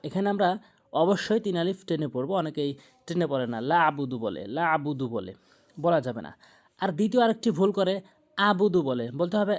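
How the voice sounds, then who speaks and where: A man teaching Quran recitation with tajweed, explaining pronunciation plainly and then reciting verses slowly with long drawn-out vowels. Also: sits high, darkish tone. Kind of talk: tajweed lesson, spelling and reciting.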